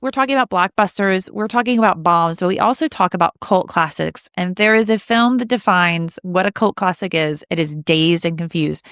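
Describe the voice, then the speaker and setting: A woman in her thirties with a Southern American accent, co-hosting a film podcast in a chatty, animated way with quick restarts. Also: fairly low pitch, clear, resonant tone, dry recording, clean studio sound. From Southern United States. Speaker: podcast co-host. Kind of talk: casual film podcast chat.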